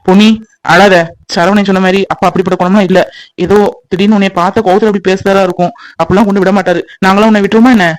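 A voice actor playing a kind grown son who calms a crying girl in a cartoon family drama. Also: mid-range voice, rapid-fire, lightly acted, rough recording. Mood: reassuring. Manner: soothing, reassuring.

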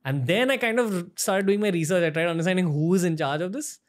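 A young man from India hosts a podcast from a studio set. He talks earnestly into a desk mic, steady and measured, and trails off quietly at the end of his phrases. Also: high-pitched. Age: young adult. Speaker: podcast host. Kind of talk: podcast interview and intro monologue. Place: studio set with shelves, indoors. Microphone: desk-mounted podcast mic.

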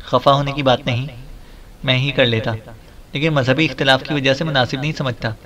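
A man voicing a domineering, wisecracking male detective who issues threats in a mid-pitched voice. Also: steady tone, brisk, fairly bright tone, dull audio, lightly acted. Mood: bossy. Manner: bossy, threatening.

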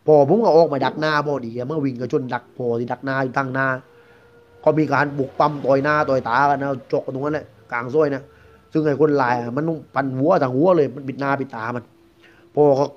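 A man with a Southern Thai accent tells a ghost story as a guest, in a loose, rambling, conversational way. He talks fast at a mid pitch. The recording sounds dull and lo-fi. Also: fairly even intonation. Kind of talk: casual spoken ghost story telling.

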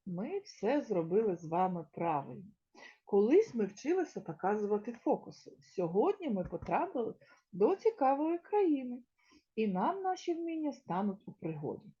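A woman teaching a small-children's lesson in a slow, sing-song way, stretching words out and sounding them out one by one. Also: a little high, big pitch swings, mellow, breathy edge, lo-fi sound. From Ukraine. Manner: drawn-out, sound-by-sound word pronunciation. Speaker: kindergarten teacher.

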